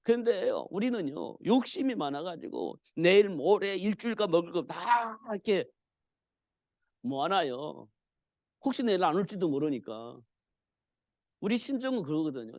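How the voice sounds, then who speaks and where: A man preaches a midweek church sermon in a casual, conversational way and keeps answering his own rhetorical questions. His voice sits a little high and has a gravelly, creaky texture. The sound is dry and close, with almost no room echo. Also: darkish tone. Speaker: pastor.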